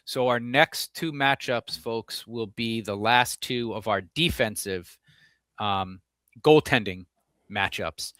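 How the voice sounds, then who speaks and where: A man co-hosting a sports podcast, chatting casually in an upbeat way with quick agreeing interjections. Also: medium pitch, fairly bright tone, clean tone, no echo. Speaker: podcast co-host.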